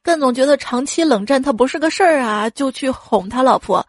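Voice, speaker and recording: A woman's voice: sits high, expressive, fairly quick, no room sound, studio quality. A woman hosting a comedy podcast, reading listener jokes, acting out quoted lines and laughing at the punchlines.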